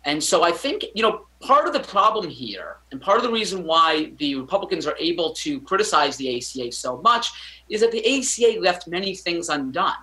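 Brisk and very animated, this man's fairly high-pitched voice has a sharp tone over a rough recording. He's a thirtysomething physician commenting as a news interview guest via video call from a home study, hesitating constantly with ums, fillers and restarts.

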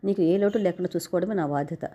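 A woman reading the lines of a gentle, caring young husband in a narrated story. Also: fairly low pitch, quick pace, highs cut off, close to an everyday voice. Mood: tender.

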